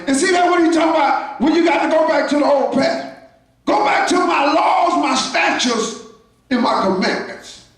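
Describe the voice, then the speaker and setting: In an echoey church sanctuary, a pastor delivers a sermon in a high male voice, preaching in shouted bursts and calling out to the congregation. The mic is distant.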